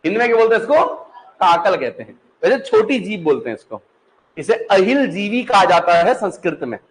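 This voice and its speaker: Brisk and high-voiced with big pitch swings, a man with a Pahari-influenced Hindi accent delivers a classroom lecture. He's patient and conversational, often repeating questions back and making sure students follow, though the recording quality is low.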